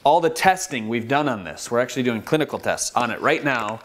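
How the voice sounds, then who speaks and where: A man's voice: mid-range voice, lively intonation, brisk, fairly bright tone. A man from Michigan hosting a health vlog, talking enthusiastically and casually about his favorite superfoods. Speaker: wellness channel host. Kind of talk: upbeat product-style health vlog.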